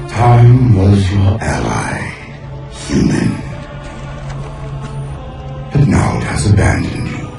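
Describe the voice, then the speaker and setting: A vengeful ancient alien warlord from a video game, grand and menacing. The voice is very deep and swoops theatrically, echoing over clear music. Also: male voice, heavily acted. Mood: menacing triumph. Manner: grandiose, theatrical, deliberate pronouncements. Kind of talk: cinematic video game villain acting.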